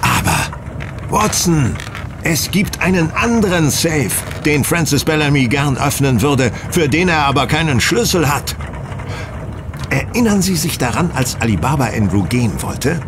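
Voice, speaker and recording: Sherlock Holmes, sardonic and lively. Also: male voice, fairly high pitch, a little slow, background noise. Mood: impatient, didactic. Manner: teasing, didactic, condescending. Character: brisk, superior male detective, sardonic and self-assured. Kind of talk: German audio drama acting.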